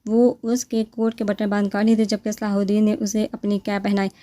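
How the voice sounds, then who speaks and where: Woman reading a novel in a mellow, flat voice. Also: mid-range voice. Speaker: narrator. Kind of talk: reading a romance novel aloud.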